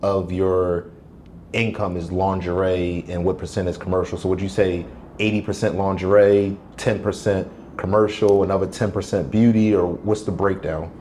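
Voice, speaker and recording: Casting: man, slightly deep voice, conversational interviewer who probes and rephrases, light ambient noise behind. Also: level tone, moderate pace, darkish tone. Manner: probing, rephrases questions with options.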